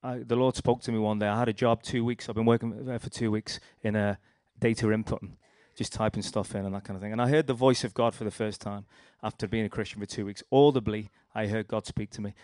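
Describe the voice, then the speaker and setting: A young man with a Liverpool accent tells his personal testimony in a rambling, storytelling way. His voice sits fairly low, and the recording is dry and close. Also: steady tone, fast talker, few pauses, darkish tone, dry recording. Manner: rambling, storytelling with restarts and acted quotes. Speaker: speaker sharing a testimony.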